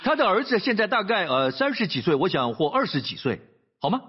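A male pastor preaching a sermon, telling a story in an animated way and often asking his listeners "right?". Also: high-pitched, fairly quick, lo-fi sound, noisy background.

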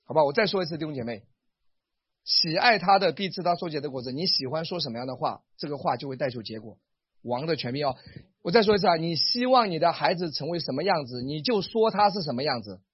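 A man preaching a sermon as pastor, animated and acting out the lines he quotes. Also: on the high side, quick pace, husky, no echo, dull audio.

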